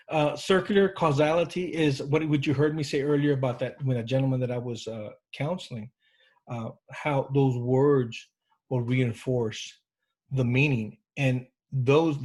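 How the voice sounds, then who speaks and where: A man with a husky, slightly breathy voice teaches a counseling class in an informal, conversational way. He often checks in with his students and restarts his sentences as he thinks aloud. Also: mid-range voice, a little mellow. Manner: informal, with frequent restarts and fillers. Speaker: counseling instructor. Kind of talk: classroom lecture.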